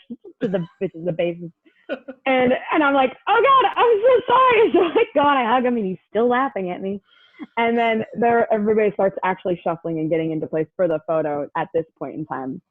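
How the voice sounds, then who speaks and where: A woman's voice: fairly low pitch, no echo. A young woman telling a personal story in a chatty way, full of "like" fillers and acted-out quotes. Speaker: guest. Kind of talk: casual storytelling. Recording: tinny phone-like line, dry.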